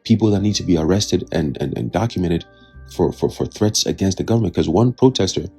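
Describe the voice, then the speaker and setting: A man's voice: low voice, expressive, brisk, creaky, dark tone, breathy edge, faint music behind. A man hosting his own channel, giving blunt, profane commentary on current events, often checking in with "okay?" or "right?" and reading from a news article aloud. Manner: reads from a news article aloud between remarks. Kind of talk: casual political commentary.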